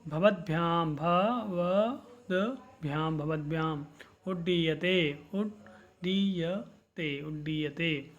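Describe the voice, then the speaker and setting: Slow, high-voiced man teaching a class. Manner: repeats each word slowly three times for pronunciation drill. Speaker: Sanskrit teacher. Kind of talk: online class lesson.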